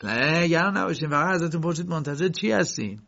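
A man voicing a calm, evasive court usher who speaks quietly and placatingly, in a dull lo-fi recording. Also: a little high, vocal fry, no room sound, voice pushed up, heavily acted. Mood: soothing. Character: soft-spoken evasive male court usher.

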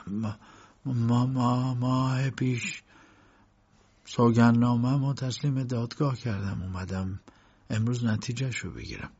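A man's voice: mid-range voice, expressive, mellow, breathy edge. A man voicing a nervous, timid accused man who stammers, in a dull lo-fi recording. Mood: stammering.

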